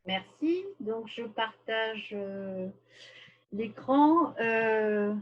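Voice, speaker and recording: A woman speaking on a video call, presenting a webinar in a measured, explanatory lecture style with frequent pauses. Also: a little high, expressive, dull audio.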